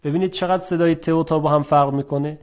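A man teaching Quranic letter pronunciation in a formal, polite tone, stretching out model words slowly between brisk explanations. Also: fairly high pitch, fairly even intonation, a little mellow. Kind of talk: recitation lesson.

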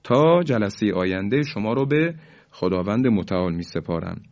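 A man teaching Quran recitation rules to listeners, explaining patiently and slowly drawing out the example words as he recites them. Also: lowish voice, animated, a little mellow, highs cut off. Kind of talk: tajweed lesson for listeners.

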